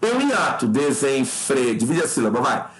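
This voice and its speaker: A man from Brazil teaching an exam review lesson, talking the listener through each answer, checking in often with quick asides and jumping higher in pitch to stress his points. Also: soft background music. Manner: explanatory, peppered with "tá?" check-ins and addressing the listener as "cara"; lively pitch jumps when stressing points.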